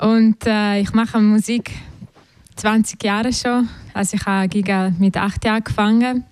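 A woman's voice: mid-range voice, fairly even intonation, measured pace, darkish tone, clear, resonant tone, dry recording. A young woman from Ukraine introduces herself as a violinist guest on live radio. She speaks German earnestly, with slightly phrasing. Her voice is picked up close and dry.

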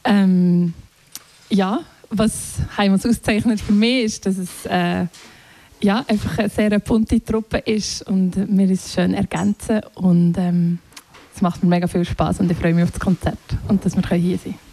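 A woman's voice: mid-range voice, fairly even intonation, measured pace, mellow. A woman, a pianist guest on live radio, introducing herself in a friendly, cheerful way.

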